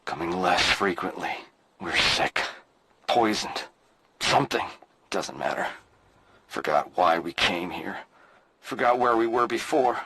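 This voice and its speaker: Unhinged male survivor, breathy fragments, lively pitch, drawn out, noise under it. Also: unhurried, long pauses, full character voice. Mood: dazed. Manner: clipped, broken phrases with sudden outbursts. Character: unhinged male expedition survivor losing his mind. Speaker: game character, expedition survivor. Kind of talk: recorded journal monologue. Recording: noisy game audio.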